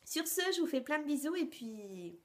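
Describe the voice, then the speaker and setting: A woman beauty vlogger in a casual product review, talking straight to her viewers and often pausing to search for words. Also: sits high, very animated, a little mellow. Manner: hesitant, frequent filler sounds and restarts; chatty, addresses viewers directly.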